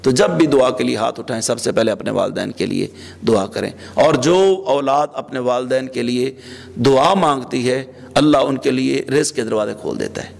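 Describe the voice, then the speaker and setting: A man's voice: medium pitch, expressive, vocal fry. A man preaching a sermon as a religious scholar, pleading in repeated, emotional phrases. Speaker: Islamic preacher. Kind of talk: Urdu sermon. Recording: long hall reverb.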